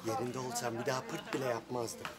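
A man's voice: medium pitch, little pitch movement, fairly quick, a loud crowd, close to an everyday voice. An actor playing a young army conscript who grumbles and jokes with his fellow recruits. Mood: grumbling. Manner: grumbling, joking banter. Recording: film soundtrack with music. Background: music score.

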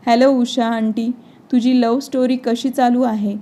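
A woman voicing a rude, spoiled twelve-year-old girl in a storybook narration, read in a steady way. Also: a little high, measured pace, lightly acted. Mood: rude, sulky. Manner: whiny, rude.

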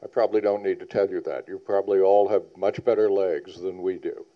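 Low-voiced man presenting to a public meeting. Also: fairly even intonation, a little fast. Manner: earnest, emphatic repetition. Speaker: urban planning panelist. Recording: dull lo-fi sound.

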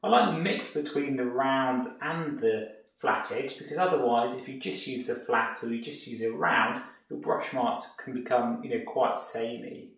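A man gives a relaxed painting tutorial, thinking aloud as he works. His voice has a gravelly edge. The room rings with strong echo, and he sounds set back from the mic. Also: medium pitch, moderate pace, distant mic. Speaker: art tutor.

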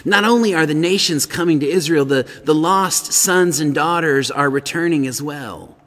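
A middle-aged man preaching a sermon as pastor, earnest and growing animated as he reads, in a large empty church sanctuary. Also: on the high side, moderate pace, long reverb tail.

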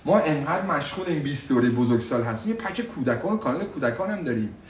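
Animated teacher. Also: male voice, on the high side, reverberant, recorded from a distance. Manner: switches between Persian explanation and slow drilled English phrases; animated, repeats phrases for learners. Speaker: English teacher. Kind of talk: live online English lesson.

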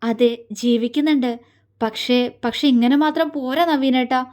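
A woman's voice: high voice, fairly even intonation. Woman voicing a shy young wife. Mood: emotional. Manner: hesitant, halting, soft.

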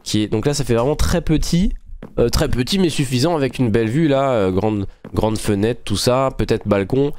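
A man's voice: mid-range voice, normal speed, a little mellow, dry recording. A man hosting a gaming channel, chatting casually and thinking aloud to his viewers as he builds in a game. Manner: friendly, addresses viewers directly. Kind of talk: casual gameplay commentary.

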